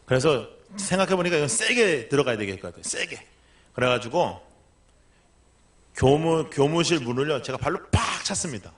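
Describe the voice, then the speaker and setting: Male pastor, middle-aged, a bit high-pitched, lively storytelling sermon. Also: fairly quick. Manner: animated storytelling, acting out quoted lines.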